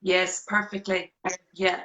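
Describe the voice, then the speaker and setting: A woman's voice: fairly low pitch, flat delivery, slow, reverberant, background noise. A middle-aged woman hosting a casual live-stream interview, chatty with many fillers and restarts. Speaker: host. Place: small room indoors.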